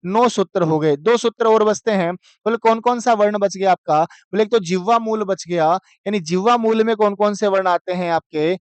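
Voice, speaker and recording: High-voiced man teaching Sanskrit, dry sound. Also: smooth, no room sound. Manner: asks students frequent questions, slow chanted recitation of rules. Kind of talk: classroom lecture.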